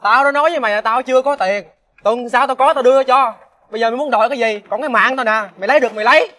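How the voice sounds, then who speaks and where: A man's voice: very high-pitched, very fast, pushed and bright. An actor playing a defiant, jobless young man, making defensive, sneering comebacks in a TV crime drama.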